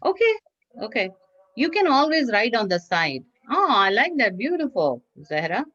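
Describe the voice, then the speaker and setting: A woman's voice: on the high side, sing-song, moderate pace, fairly bright tone, no room sound. A woman teacher leading a children's craft class, giving simple step-by-step instructions and repeating them in an encouraging way. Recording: dull lo-fi online class audio.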